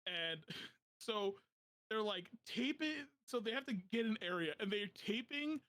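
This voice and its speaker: A young man hosting a podcast, telling a funny personal story in a casual, animated way, often laughing as he talks. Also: high-pitched, a little slow. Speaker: podcast host.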